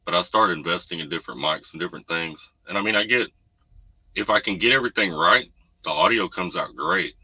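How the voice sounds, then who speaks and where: Brisk and sharp-toned, with a slightly rough edge, this deep-voiced trucker streams casually from his home room and chats through viewers' comments in a relaxed, wandering way. The recording is rough, with noise in the background, made on a desk USB condenser mic.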